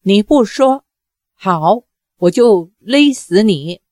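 A woman's voice: a little high, animated, unhurried, a little mellow, no room sound. A fierce young swordsman barks out harsh demands, as a woman narrator puts him on. He sounds desperate and enraged. The dry, close sound gives it no room around it. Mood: furious.

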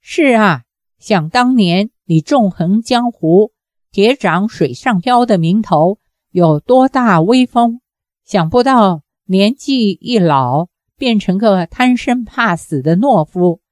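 A woman's voice: mid-range voice, lively intonation, slow pace, no room sound, clean studio sound. A woman voicing a bitter, vengeful old woman who berates and demands revenge in a raised voice. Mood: fierce. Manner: shouting harsh reproaches.

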